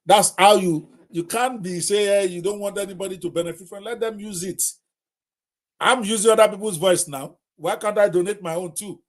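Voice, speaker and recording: A man's voice: sits high, moderate pace. A middle-aged Nigerian man hosting a live talk, speaking emphatically and addressing viewers directly, often repeating himself. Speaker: host.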